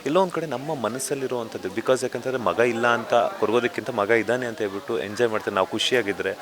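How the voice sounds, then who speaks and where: A male entertainment reporter with a Kannada accent asking gentle, consoling interview questions. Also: medium pitch, fast talker. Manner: gentle, consoling, mixes in English words. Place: outdoors at an event with a crowd. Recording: crowd noise behind.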